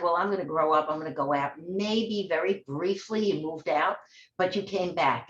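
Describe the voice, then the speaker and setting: A woman's voice: low voice, echoey room, muffled recording, a little hiss or hum. A woman hosting an online talk show, speaking in a rambling, conversational monologue with frequent restarts. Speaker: host. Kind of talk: casual monologue.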